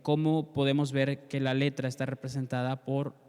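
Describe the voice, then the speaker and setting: A man's voice: medium pitch, flat delivery, moderate pace, darkish tone, clear, resonant tone. A man teaching a Bible class, speaking earnestly and directly to the listener, and leading a prayer. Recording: long reverb.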